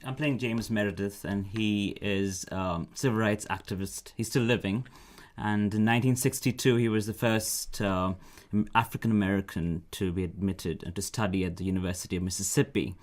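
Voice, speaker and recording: A man, an opera singer, explaining things in a measured, halting way on a radio interview. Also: fairly low pitch, fairly even intonation. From India.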